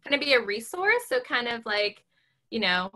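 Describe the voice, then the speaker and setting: On a laptop webcam video call from a small bedroom at home, a real estate agent in her thirties chats casually at a moderate pace. Her voice is squeaky and high-pitched, and she's animated, talking with her hands and dropping lots of ums.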